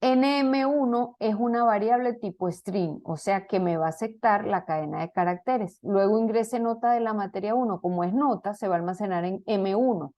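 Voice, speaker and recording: A woman's voice: mid-range voice, normal speed, hardly any pauses, dark tone. A woman teaching a programming class, walking students through code step by step and checking in with frequent questions of "¿ok?". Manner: explains step by step, many fillers and restarts, asks "¿ok?". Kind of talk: online class lecture.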